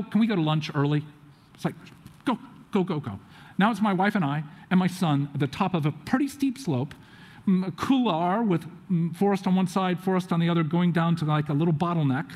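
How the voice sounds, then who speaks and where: Man, high-voiced storyteller, animated with acted quotes, long hall reverb. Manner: animated, acts out quotes of others. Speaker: speaker telling a family story. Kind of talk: storytelling talk to an audience. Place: auditorium.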